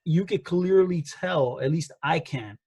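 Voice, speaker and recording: A man co-hosts a wrestling chat show in a husky, slightly raised voice. He argues casually and animatedly, trips over his words, and acts out what people said. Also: a little high, unhurried, rough recording. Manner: animated, full of restarts and acted-out quotes. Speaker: wrestling podcast co-host.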